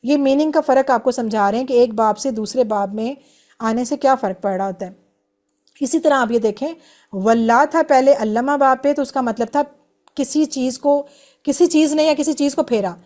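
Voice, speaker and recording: A woman's voice: sits high, a little mellow. A woman teaching an online grammar class, explaining patiently step by step and drilling verb forms.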